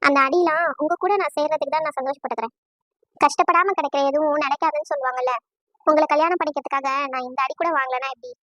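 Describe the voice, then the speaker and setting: Super high pleading cartoon girl about to be married, woman doing the voice, dry recording. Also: steady tone, fast talker, fairly bright tone, no echo, lo-fi sound. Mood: tender. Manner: pleading, emotional, high-pitched. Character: young bride-to-be woman, tearful and devoted. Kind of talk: cartoon voice acting.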